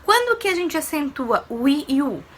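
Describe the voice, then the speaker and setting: A woman's voice: high-pitched, big pitch swings, a little fast, slight background noise. A woman teacher giving a recorded lesson to primary pupils, explaining patiently step by step and asking them questions.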